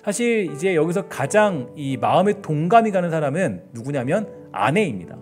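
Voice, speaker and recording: Lively Korean pastor preaching over soft guitar. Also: male voice, on the high side, moderate pace. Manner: conversational preaching, retells scripture dialogue in lively everyday speech; frequent fillers and restarts. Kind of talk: sermon.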